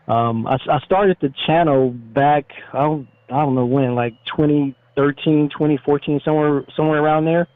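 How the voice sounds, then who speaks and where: Over a muffled, narrowband phone line, a middle-aged American man talks informally in a relaxed, easygoing interview. He's a retired military motorcycle YouTuber, and his voice sits on the high side, moving at a moderate pace with few pauses in a dry recording.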